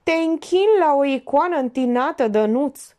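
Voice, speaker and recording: A woman's voice: high-pitched, expressive, warm tone, voice pushed up. A woman voicing a pompous, sanctimonious middle-aged male notary in an audiobook, speaking in a theatrical, preachy way. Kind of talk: audiobook character voice.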